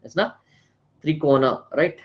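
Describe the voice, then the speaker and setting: A man's voice: on the high side, measured pace, muffled recording. An Indian-accented man lecturing live online as a teacher, repeating phrases, checking with tag questions and mixing Hindi words into English. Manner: repeats phrases, frequently tags questions with right and na.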